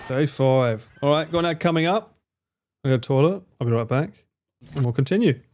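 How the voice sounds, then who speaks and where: A man with an Essex accent chatting casually on a livestream in a jokey, sweary, expressive way. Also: mid-range voice, fairly quick, a little hiss or hum. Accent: Essex English. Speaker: streamer reacting to video edits.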